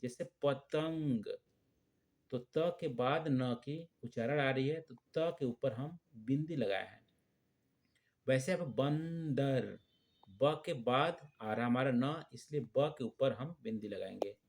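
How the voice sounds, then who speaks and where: A man's voice: medium pitch, measured pace. A man teaching young children, patiently spelling out letters and words one by one.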